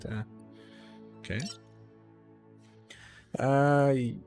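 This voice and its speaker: A man's voice: medium pitch, fairly even intonation, drawn-out words, gravelly, darkish tone, soft background music. A man streaming a video game live, talking casually to chat with many fillers and restarts while he reads menus aloud.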